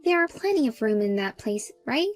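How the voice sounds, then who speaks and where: Woman voicing a bossy entitled sister-in-law, high bright voice, smug and demanding, storybook drama, faint music behind. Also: sing-song, brisk, no echo. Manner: smug, demanding, then pleading. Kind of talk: storybook character voice.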